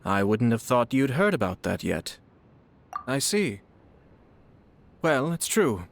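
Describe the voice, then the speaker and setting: Polite young lord from a video game, formal n measured, medium pitch, slight background noise. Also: male voice, very animated. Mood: composed. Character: courteous, poised young male clan lord. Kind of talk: game voice acting in English dub.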